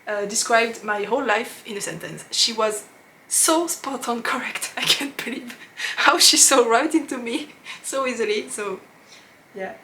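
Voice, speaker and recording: A woman with a French accent, a knitting podcast host chatting casually, laughing often and pausing with fillers as she searches for English words. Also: a little high, pushed and bright, slight background noise. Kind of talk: casual chat to camera.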